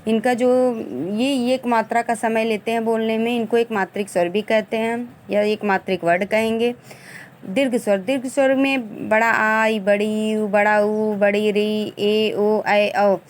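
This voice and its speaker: A woman's voice: mid-range voice, flat delivery, measured pace, a little hiss or hum. A woman teacher explains Sanskrit grammar for an exam, sounding out vowels and examples one by one and sometimes restarting a phrase. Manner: restarts and corrects herself mid-phrase.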